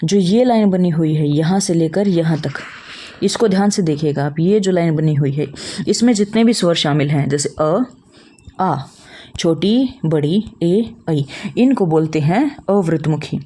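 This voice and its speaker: A young woman teaches an online class in a low, mellow voice. She works through the material step by step, asking a question and then answering it. She calls her students children. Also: unhurried. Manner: explains step by step, asks and answers own questions.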